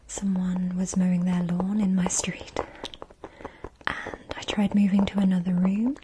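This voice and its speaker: A woman speaks in a soft, fully whispered ASMR style, gentle and rambling. The recording has clear background noise with clicks. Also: on the low side, flat delivery, a little slow. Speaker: ASMR video creator.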